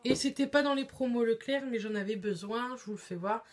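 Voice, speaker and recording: A woman's voice: fairly high pitch, fairly quick. A woman chatting casually on camera in a beauty haul vlog, with lots of hesitations. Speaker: beauty vlogger.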